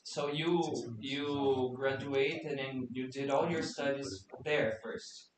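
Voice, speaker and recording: A Brazilian man with a Portuguese accent hosts a casual chat in English, playful and full of small restarts. His voice sits at an everyday middle pitch and is heard from a distance in a very echoey room. A faint hiss runs underneath. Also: fairly even intonation, slow. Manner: chatty, playful, with hesitant restarts. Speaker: podcast host.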